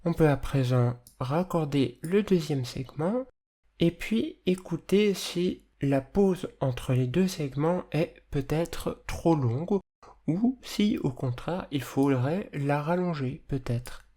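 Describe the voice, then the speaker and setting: A person with a slight lisp and hissy, slushy s sounds, explaining audio editing as a tutor in a measured, careful way. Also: mid-range voice, animated, warm tone. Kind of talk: instructional screencast narration, explanatory.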